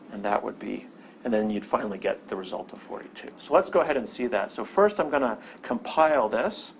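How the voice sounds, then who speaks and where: Guy walking through code in a tutorial, kinda gravelly voice, faint hiss behind, keeps saying okay?. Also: medium pitch. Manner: explanatory, with many "okay?" check-ins and restarts. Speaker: programming instructor. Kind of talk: screen-recorded coding lesson.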